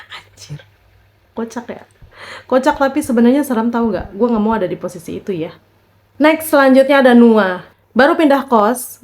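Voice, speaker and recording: Wanita muda yang santai membacakan kisah horor. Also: female voice, on the high side. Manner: chatty, reacts with small shocked exclamations. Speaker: horror story reader. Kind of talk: casual reading of short horror posts.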